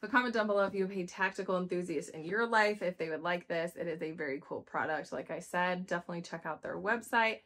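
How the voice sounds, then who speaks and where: A woman's voice: on the low side, fast, few pauses, a bit bright. A woman hosting a casual product review, talking informally and conversationally as she explains things to viewers.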